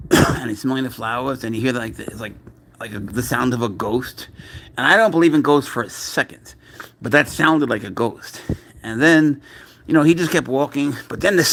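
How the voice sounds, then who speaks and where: A man's voice: mid-range voice, creaky, fairly bright tone, slight background noise. A man hosting a casual live stream, chatting playfully and talking doting baby talk to his pet, laughing often.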